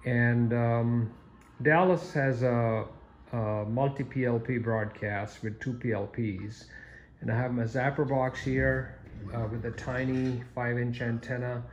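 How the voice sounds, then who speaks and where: Gravelly man demoing gear in a hotel room. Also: medium pitch, slight background noise. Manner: halting, many ums and uhs, step-by-step. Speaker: product demonstrator. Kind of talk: casual off-the-cuff demo narration. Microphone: phone camera filming a TV screen, voice off camera.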